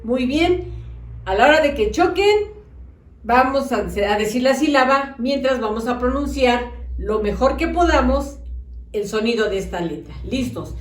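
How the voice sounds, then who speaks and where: A woman teaching children a phonics lesson, sounding out syllables slowly and clearly. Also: fairly high pitch, animated, distant mic. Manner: slow, exaggerated sounding-out of syllables. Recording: echoey room, voice off-mic.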